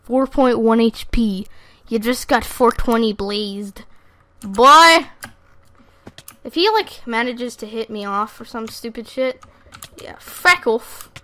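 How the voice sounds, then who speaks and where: A woman runs live commentary over her own gameplay, her voice sitting somewhat high. She gets excitable, curses freely and keeps turning to address her viewers directly. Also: unhurried, dry recording. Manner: excitable, swears freely, talks straight to viewers. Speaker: gaming channel host.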